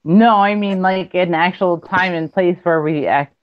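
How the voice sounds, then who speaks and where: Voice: medium pitch, measured pace, no echo, highs cut off. A caller in their forties on a group call, asking eager, curious questions. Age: 40s. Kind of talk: casual group call chat.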